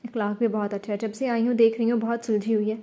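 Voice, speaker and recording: Woman voicing doting older aunt, fussing, mellow tone, raised pitch. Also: little pitch movement, natural voice. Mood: admiring.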